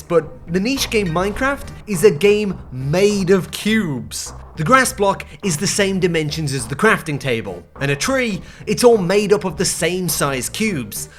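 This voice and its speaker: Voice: medium pitch, fairly bright tone. A video essayist delivering a scripted, unhinged rant in an exasperated, sarcastic way. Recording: music playing behind. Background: background music.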